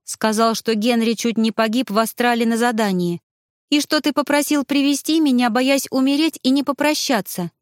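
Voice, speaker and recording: A woman voicing the ghost of a young wife who exclaims excitedly. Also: on the high side, normal speed, no echo, clean studio sound, voice pushed up, close to an everyday voice. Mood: distraught.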